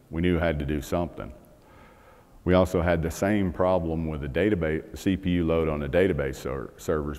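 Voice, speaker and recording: A man's voice: very deep voice, darkish tone. A middle-aged man giving a technical talk on a conference stage, conversational with fillers and restarts. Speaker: conference speaker. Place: large conference hall stage. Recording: long hall reverb.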